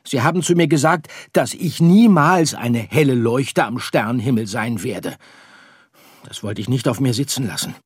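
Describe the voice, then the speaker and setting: A man's voice: medium pitch, moderate pace, husky, no room sound, studio quality, voice pushed up, natural voice. A man reading an audiobook, voicing a small boy star who is tearful and whiny. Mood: upset. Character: little boy star, upset and weepy.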